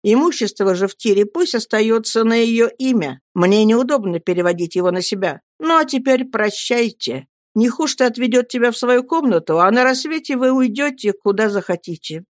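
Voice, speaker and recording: A woman's voice: a little high, expressive, normal speed, no room sound, voice pushed up, lightly acted. A woman voicing a proud, ardent young Roman man, speaking with emphatic passion in a dry audiobook reading. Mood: resolute. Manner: emphatic, impassioned delivery.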